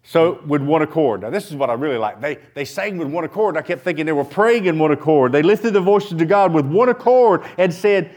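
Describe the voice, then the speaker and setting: A man preaching a sermon in church, animated, swinging from loud outbursts to quiet asides and acting out prayers. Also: on the high side, normal speed. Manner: acts out prayers in dramatic voices.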